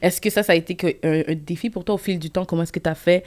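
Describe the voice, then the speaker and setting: Lower-voiced woman host. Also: steady tone, quick pace, a little mellow. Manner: attentive, asks questions, frequent affirmations. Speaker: podcast host. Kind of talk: casual interview chat.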